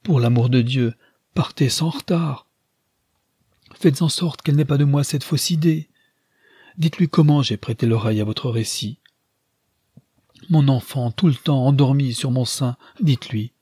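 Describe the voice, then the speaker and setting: A man's voice: medium pitch, measured pace, pauses often, dark tone, slightly rough, no echo, clean studio sound. A man voicing a young mother, impassioned and tender, in an audiobook reading. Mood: urgent tender. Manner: pleading, urgent.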